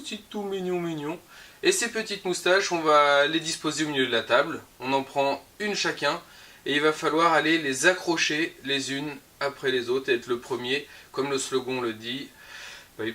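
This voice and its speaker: Speaking with a French accent and a sharp, high-leaning voice, a man presents this week's new board games for a shop video. The weekly product roundup is casual, chatty, and upbeat, though he frequently hesitates.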